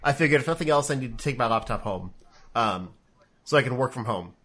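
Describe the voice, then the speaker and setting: With a mid-range, slightly bright voice, lively intonation and a fairly quick pace, this man co-hosts a casual online show. A cold has him congested and sniffling as he rambles through fillers and restarts. He's in a home room, recorded by webcam on a remote call.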